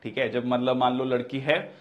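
A man's voice: mid-range voice, little pitch movement, normal speed, highs cut off. A man teaching physics for exam prep, explaining step by step and often repeating key terms and checking in with "theek hai".

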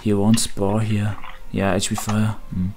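A man's voice: on the low side, little pitch movement, measured pace, heavy background noise. A man hosting, chatting casually with friends on a call while watching a competitive match.

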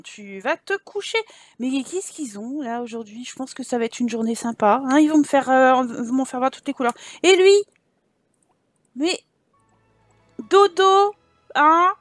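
A woman's voice: high voice, no room sound. A woman commenting casually on a life-simulation game, chatty and teasing as she scolds the game characters. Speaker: gaming YouTuber. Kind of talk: casual let's-play commentary.

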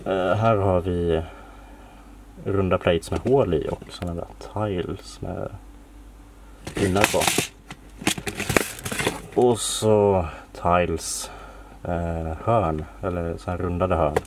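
Low male voice, unhurried, hobbyist showing his collection; noisy home-recorded sound. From Sweden. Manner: relaxed, listing parts with many fillers. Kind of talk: casual room-tour narration. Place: home workshop room, dim lighting.

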